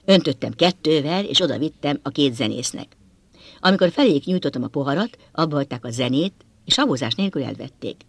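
A man narrating a first-person novel with an expressive, dramatic reading, close to the mic. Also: fairly high pitch, creaky, breathy edge, dry recording. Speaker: audiobook narrator.

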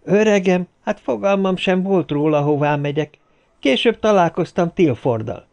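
A man's voice: high voice, animated, creaky, darkish tone, pitched above the performer's own voice. A man putting on a chatty, cocky young man's voice. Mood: excited, chatty. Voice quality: boastful, chatty. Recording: slightly dull lo-fi audio.

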